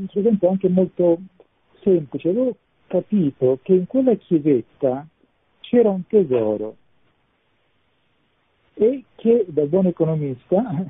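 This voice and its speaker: Male priest calling into a radio show, heard over the phone; husky, tinny line, thoughtful and searching. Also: sits high, dry recording. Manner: reflective, searching for words with small restarts. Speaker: parish priest phoning in as guest. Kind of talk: radio call-in testimony.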